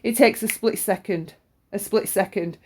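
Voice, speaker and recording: A woman's voice: mid-range voice, normal speed, darkish tone. A middle-aged woman, chesty with flu, gives an informal, opinionated monologue in a blunt, sweary, emphatic way, often repeating herself. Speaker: true-crime commentator.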